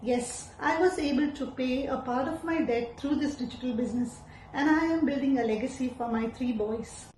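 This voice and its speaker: A woman's voice: high voice, moderate pace, a little mellow, slight background noise. A woman from India, an educator earnestly sharing her personal testimonial. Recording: echoey room with faint ambience.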